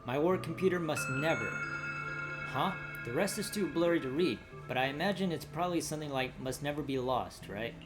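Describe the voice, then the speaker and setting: A man's voice: fairly high pitch, animated, brisk, few pauses, loud music behind the voice. A man doing casual video game commentary, talking through his plans and reading on-screen dialogue aloud.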